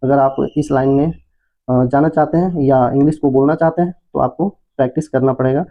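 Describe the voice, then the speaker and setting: A man's voice: mid-range voice, steady tone, moderate pace. A man hosting an English lesson for beginners, explaining spelling and pronunciation patiently and repeating checks with his listeners. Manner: patient, repetitive explaining with frequent "है ना". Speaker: English teacher, channel host. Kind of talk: Hindi-language English lesson. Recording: tinny phone-like audio.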